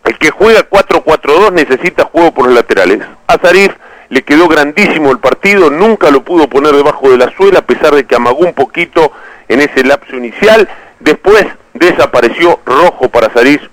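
A man's voice: a little high, animated, fairly quick, dry recording, rough recording. A man with an Argentine accent giving conversational, rambling football player ratings on radio. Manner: conversational, rambling, self-correcting. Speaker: football analyst.

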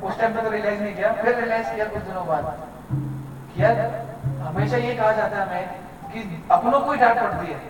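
A man's voice: high-pitched, brisk, pauses often. A man giving an earnest devotional talk, telling stories and mixing in English words. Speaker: devotee speaker. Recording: distant mic, echoey hall, music behind.

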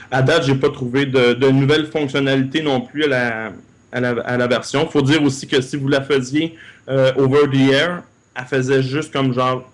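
A man with a Québécois accent chatting casually as a podcast co-host, colloquial and often repeating words. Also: medium pitch. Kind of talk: casual tech chat.

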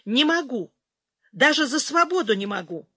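A woman's voice: sing-song, moderate pace, breathy edge, no echo, exaggerated voice. A woman reader voicing a young female captive who pleads and bristles with defiance. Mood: pleading. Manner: pleading, turning to shrill shouting.

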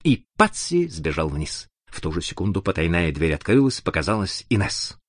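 A man narrating an adventure audiobook in an expressive, dramatic reading. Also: deep voice, normal speed, no echo, clean studio sound.

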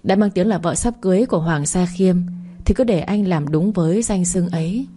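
A woman reading a smooth-talking young man, a charming company chairman, husky low voice, mellow and warm tone, audiobook romance. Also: moderate pace. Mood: tender.

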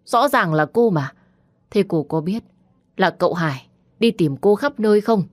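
A woman voicing a pushy, excited village man who questions insistently in an audio story. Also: medium pitch, moderate pace, dry recording, studio quality, pitched above the performer's own voice, close to an everyday voice. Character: agitated village man, an old acquaintance, pushy.

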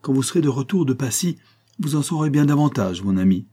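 A man's voice: mid-range voice, animated, a little fast, mellow, slightly rough, voice pushed up. A man reading the lines of a cold, scheming young viscount in an audiobook, cool and insistent.

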